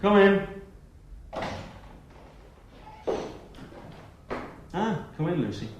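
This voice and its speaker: An actor playing an awkward, weary middle-aged male schoolmaster in a British TV soap, talking haltingly with sudden sharp outbursts. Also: medium pitch, animated, highs cut off, close to an everyday voice. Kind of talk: 1980s British TV soap acting. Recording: roomy echo, faint hiss.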